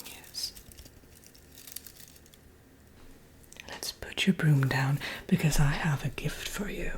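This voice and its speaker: A woman voicing a vain, sassy witch in a breathy, unhurried ASMR whisper, coy and condescendingly friendly. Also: sits low. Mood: chatty, confiding. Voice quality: breathy, soft-spoken whisper. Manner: unhurried, coy, self-admiring, calls listener dearie.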